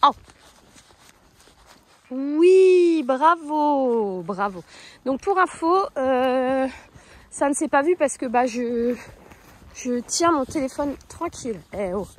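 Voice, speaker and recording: A woman's voice: sits high, lively intonation, unhurried. A woman filming a casual vlog on her phone while working with her horse on a rural path, explaining as she goes and cooing praise to the animal. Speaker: horse owner vlogger. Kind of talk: casual outdoor vlog commentary. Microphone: phone held in one hand.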